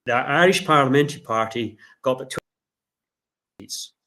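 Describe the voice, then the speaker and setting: A man's voice: medium pitch, normal speed, pushed and bright. A man talking politics on a video call while his audio glitches and cuts in and out; he is hesitant and repeats words while searching for them. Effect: choppy, glitching video-call audio that cuts in and out. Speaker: regular guest.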